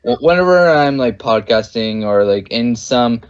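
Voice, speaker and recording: A man's voice: medium pitch, lively intonation, unhurried, smooth, highs cut off. A young man from the United States co-hosting a gaming podcast, rambling nervously with many fillers and restarts. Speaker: podcast co-host. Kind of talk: casual chat.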